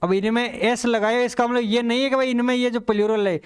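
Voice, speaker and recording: A man's voice: extremely high pitch, fairly even intonation, clean tone. A man teaching English for competitive exams, explaining answers step by step and repeating key points to his students. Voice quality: reads English example sentences slowly and deliberately. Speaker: English teacher for exam prep. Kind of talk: exam-prep lesson explaining answers.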